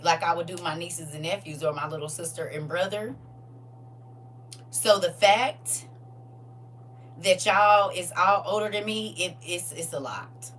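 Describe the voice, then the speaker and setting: A woman in her forties hosting a casual livestream, animated and teasing as she reads viewer comments aloud. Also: deep voice, distant mic, a little hiss or hum.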